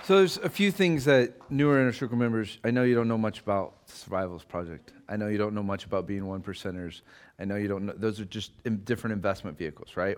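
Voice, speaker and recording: A man's voice: lowish voice, darkish tone. A man hosting an investor group meeting, upbeat and encouraging as members introduce themselves.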